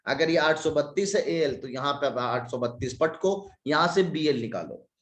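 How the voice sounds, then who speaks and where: A man's voice: on the high side, normal speed, a bit bright, reverberant. A man teaching a maths class online, working sums aloud step by step with joking asides, slightly stuffy from a cold. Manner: talks through sums step by step, jokey asides.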